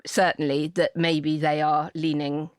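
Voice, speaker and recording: Speaking at a measured pace in a low, flat voice, a British-accented woman, a polling campaigner and podcast co-host, talks politics with emphasis. She repeats phrases for effect and acts out imagined exchanges, and the recording is dry and studio-quality.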